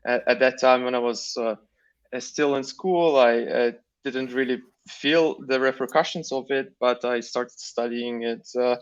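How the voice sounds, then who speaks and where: Slow, hesitant man from Lithuania. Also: medium pitch, steady tone, clean tone, highs cut off. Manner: hesitant, many fillers. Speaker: guest. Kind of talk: live online interview.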